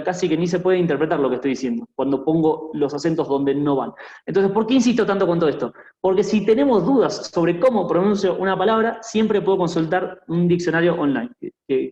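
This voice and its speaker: A man's voice: on the high side, a little fast, a little mellow, echoey room, highs cut off. A man teaching a basketball coaching clinic in a hesitant lecture style, full of fillers and restarts, often checking in with "¿no?". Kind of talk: online lecture with screen sharing.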